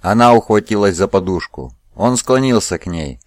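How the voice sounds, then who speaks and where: A man narrating an adventure novel as an audiobook, telling it in a steady, measured way. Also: lowish voice, no echo, clean studio sound.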